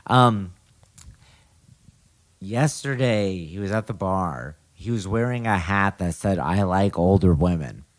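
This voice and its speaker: A man's voice: low-pitched, lively intonation, slow pace. A man in his thirties co-hosting a podcast, telling stories in a laid-back, agreeable way. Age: 30s. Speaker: podcast co-host. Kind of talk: casual chat.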